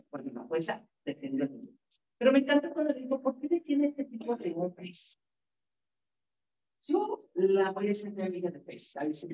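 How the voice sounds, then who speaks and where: A woman's voice: a little high, mellow. A woman with a Mexican Spanish accent teaching a workshop as a lawyer, in an informal lecture style full of anecdotes, often tagging her sentences with "¿no?". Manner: chatty, tags questions with "¿no?", digresses into stories. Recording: dull lo-fi recording.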